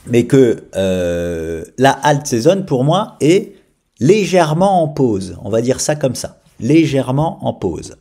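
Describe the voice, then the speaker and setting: A man giving a casual crypto chart analysis, talking in an animated way and filling pauses with frequent hesitations. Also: medium pitch, breathy edge. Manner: animated, frequent "hein" and "euh" fillers.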